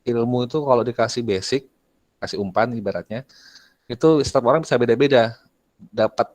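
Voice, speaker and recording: A man's voice: medium pitch, fairly quick, darkish tone, dry recording. Chatty male teacher quizzing his class. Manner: chatty, asks students questions, clears throat often. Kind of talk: online class lecture.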